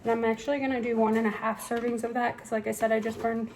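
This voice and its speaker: A triathlete vlogger chats casually and upbeat, full of fillers and a bit congested from allergies, first outdoors on a run, then in a kitchen. Her voice is on the high side with a level tone, she talks fast, and the background is noisy.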